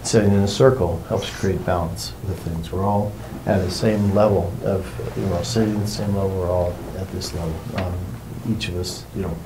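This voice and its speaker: A man leading a workshop, explaining things to a group in an informal, meandering and unhurried way. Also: sits low, fairly even intonation, noisy background. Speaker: workshop facilitator.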